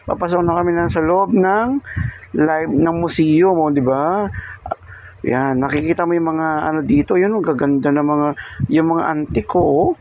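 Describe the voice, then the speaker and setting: An out-of-breath man talks eagerly into a handheld phone while walking around a crowded hilltop place. His voice sits a bit high and has a gravelly edge. Loud background noise runs under his speech. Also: normal speed, low-quality recording. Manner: excited, chatty, keeps asking "di ba?". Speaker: motovlogger. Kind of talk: casual walking vlog. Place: outdoors, busy hilltop restaurant and museum.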